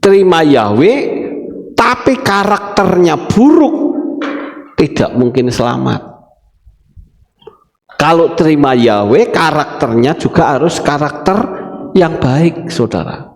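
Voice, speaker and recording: Slow-preaching pastor in echoey hall. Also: male voice, on the high side, expressive. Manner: preaching, addresses the congregation as brothers and sisters. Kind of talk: sermon. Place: church hall. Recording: echoey church hall with long reverb.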